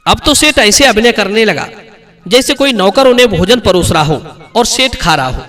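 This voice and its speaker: Guy telling a moral folk tale, high lively voice, faint music behind. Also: moderate pace. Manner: addresses listeners as friends. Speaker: storyteller. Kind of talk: moral story narration.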